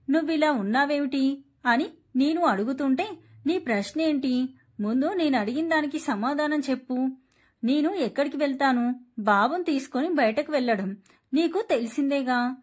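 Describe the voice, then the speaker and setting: Female storyteller, high pitch with a breathy edge, scripted story narration.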